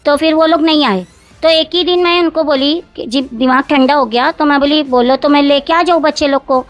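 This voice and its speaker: A woman's voice: high voice, brisk, no room sound, soft background music. A woman, recounting events at length in an interview, often repeating herself and quoting others word for word. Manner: long, rambling, repeats herself, quotes others directly.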